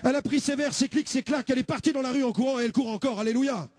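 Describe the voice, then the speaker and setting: A young man giving a lively testimony as a preacher, acting out the voices in his story. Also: extremely high pitch, very fast. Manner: acts out every voice in his story, shouting and pleading. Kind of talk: animated testimony.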